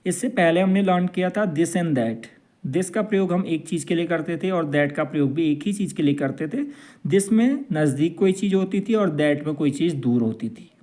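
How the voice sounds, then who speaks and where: A man's voice: fairly high pitch, darkish tone. A man teaching an English grammar lesson, drawing out each example sentence. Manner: slow, drawn-out example sentences.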